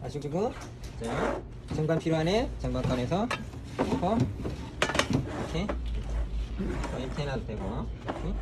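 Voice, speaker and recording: A man's voice: fairly high pitch, big pitch swings, a little slow, pauses often. A man teaching barbering hands-on in a classroom, giving repetitive, direct instructions and sharply correcting students. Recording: noisy room recording.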